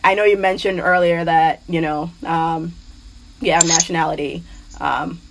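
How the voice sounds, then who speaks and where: A woman's voice: fairly low pitch, steady tone, moderate pace, background noise. A young woman from Nigeria hosting a casual podcast chat, upbeat and laughing often, with many fillers. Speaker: podcast host.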